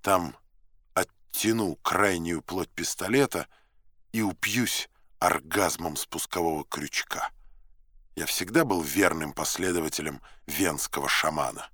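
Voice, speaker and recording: A man narrates a novel in the first person with a low voice. His reading is measured and dramatic, with an ironic edge. The sound is dry and close to the mic. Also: bright, forceful tone, no echo. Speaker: audiobook narrator.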